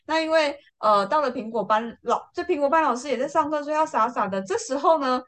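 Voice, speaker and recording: A young woman with a Taiwanese Mandarin accent, telling a story as a guest in a casual chat and acting out the quotes with lively swings in her voice. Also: fast. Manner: lively, acts out quotes with big pitch jumps, laughs often. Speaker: podcast guest.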